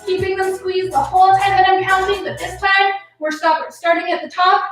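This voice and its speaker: A woman working as an aerobics instructor, leading a follow-along workout and counting reps with energetic encouragement. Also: very high-pitched, moderate pace. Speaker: fitness instructor. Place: indoor home workout space. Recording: echoey room, far from mic, music behind.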